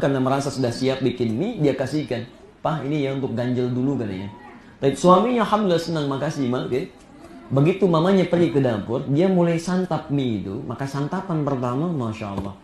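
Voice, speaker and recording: Animated preacher, echoey hall. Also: male voice, on the high side. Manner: animated, lively storytelling with rising emphasis. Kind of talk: sermon. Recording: echoey room.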